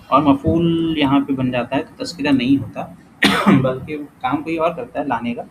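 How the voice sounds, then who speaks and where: A male language teacher with a mid-range voice talks his way through exercises in a laid-back lesson, correcting himself often and slowly reading out example words. The recording carries clear background noise.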